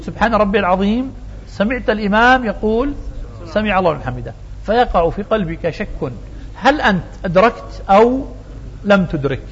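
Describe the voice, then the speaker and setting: A man teaches a religious lesson in a quick, high-pitched voice. He explains each point step by step, asking his listeners questions and answering them. The recording is dull and lo-fi, with long hall reverb. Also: a little hiss or hum.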